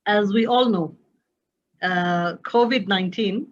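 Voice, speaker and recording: A woman from Kenya with a heavy, low-set voice speaks softly and methodically, pausing on fillers as she explains her points. Her voice comes through a video call with dull, lo-fi sound. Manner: soft-spoken, explanatory, with hesitant fillers. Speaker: panelist, dairy manufacturer. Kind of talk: panel discussion remarks.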